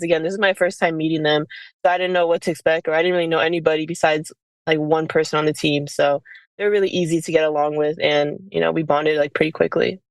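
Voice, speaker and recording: With a voice that sits low and no room sound, this college basketball player in her early twenties from the US talks informally as an interview guest. She peppers her speech with "like" and "you know".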